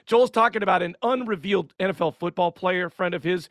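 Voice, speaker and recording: High, gravelly-voiced man, dry mic. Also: brisk, fairly bright tone, dry recording. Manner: wry, segment-introducing. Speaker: podcast host. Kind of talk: casual commentary on sermons.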